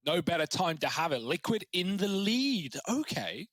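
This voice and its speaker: A man giving fast play-by-play commentary on an esports match, getting excited on big plays. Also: high-pitched, no echo. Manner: excitable, rising to loud cheers on big plays. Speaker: esports caster.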